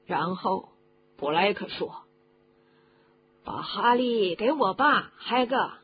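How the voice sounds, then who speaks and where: A woman voicing a huge, gruff male gamekeeper who talks loudly and chokes up, in an audiobook reading on a dull lo-fi recording with faint hum. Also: medium pitch, animated, slow pace. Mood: indignant. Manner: loud, heated, choking up.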